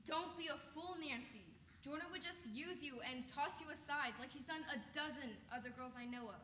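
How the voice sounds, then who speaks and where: A woman's voice: high-pitched, fairly quick, pushed and bright. A woman acting a blunt, protective older housekeeper on stage, scolding in a folksy way. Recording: echoey stage recording with faint hiss.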